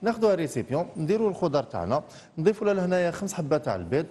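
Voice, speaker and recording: A man's voice: a little high, sing-song, mellow, big-room sound, a little hiss or hum. A man with an Algerian accent, a TV chef talking through a recipe step by step in a studio kitchen. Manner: rapid, explaining steps. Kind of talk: cooking demonstration.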